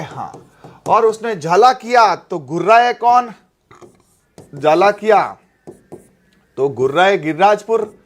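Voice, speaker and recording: Male teacher, higher pitch, animated, playful classroom delivery. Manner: lively, playful, acts out little dialogues and sound effects. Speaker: exam-prep teacher. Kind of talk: animated classroom lecture with mnemonic stories.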